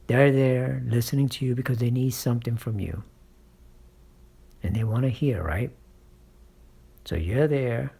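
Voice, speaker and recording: A man who runs his own channel coaches listeners on public speaking, offering motivation drawn from experience and encouraging them with frequent "right?" and "okay?" check-ins. He speaks unhurriedly at a medium pitch, pausing often, in a gravelly, mellow voice with a breathy edge.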